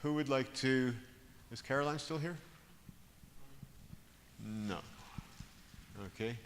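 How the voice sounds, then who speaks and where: Speaking slowly in a medium-pitched voice, a man moderates a group discussion at a summit held in a big conference hall. He hesitates, frequently starts over and lets out chuckles. Hall reverb and background hiss fill the recording.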